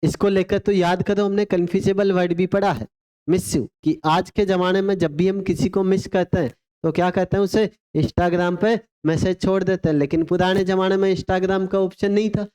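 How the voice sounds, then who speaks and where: A man leads an English vocabulary class with a warm, mellow voice. He works by call and response, throwing out rhetorical questions and answering them himself. He spells each word slowly, one letter at a time, as a drill. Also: high voice, fairly even intonation, smooth. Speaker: English teacher. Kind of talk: exam vocabulary lesson.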